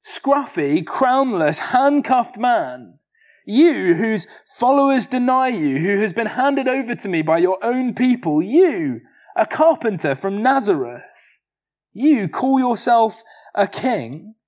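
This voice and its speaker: A preacher doing a sneering Roman governor. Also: male voice, high-pitched, sing-song, slow, voice pushed up, full character voice. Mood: scornful. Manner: incredulous, contemptuous, emphatic. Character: scornful male Roman governor mocking a prisoner.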